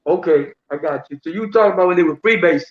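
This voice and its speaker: A man's voice: fairly high pitch, fast. A man interviewing a guest, mostly short reactions and follow-up questions. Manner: brief reactive prompts. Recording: roomy, muffled sound.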